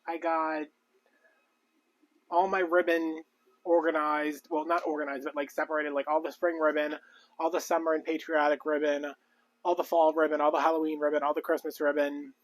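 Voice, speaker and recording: A man with a slightly raised pitch rambles through casual live-stream chat. He talks loosely, trailing off and restarting, with lots of fillers as he sorts his craft supplies. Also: little pitch movement, normal speed. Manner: rambling, chatty, many fillers. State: out of breath. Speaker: crafting vlogger.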